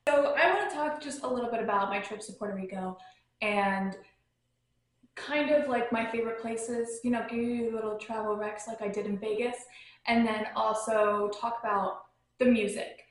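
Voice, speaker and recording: A woman's voice: fairly high pitch, steady tone, moderate pace. A young woman hosting a podcast, chatting in a rambling way full of filler words, recorded at home on a phone. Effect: recorded on a phone, echoey. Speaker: podcast host. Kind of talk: casual travel chat. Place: at home near her dogs.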